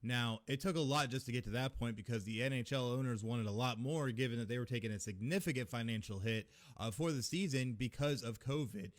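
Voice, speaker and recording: A man co-hosting a sports podcast in casual talk, chatty and quick to explain. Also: medium pitch. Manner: chatty, reads a promo. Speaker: podcast co-host.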